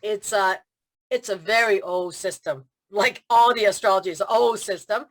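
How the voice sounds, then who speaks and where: Over a video call, a woman from Hong Kong who consults on feng shui tells stories as an interview guest, slipping into lively quoted voices and laughing often. She speaks in a mid-range voice at a moderate pace, and the chat is casual.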